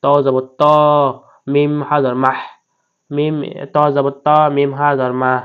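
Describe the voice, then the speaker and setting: A male Quran teacher with a Bangladeshi Bengali accent spells out each word slowly, letter by letter, before chanting the whole phrase drawn out. His voice is smooth and clear but stays on a narrow, even pitch. The recording sounds dull and lo-fi. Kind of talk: slow letter-by-letter Quran reading lesson.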